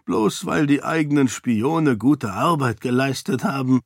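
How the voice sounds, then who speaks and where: A man's voice: mid-range voice, a little slow, no echo, clean studio sound. A man voicing a sly, mocking old duke. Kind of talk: audiobook character voice.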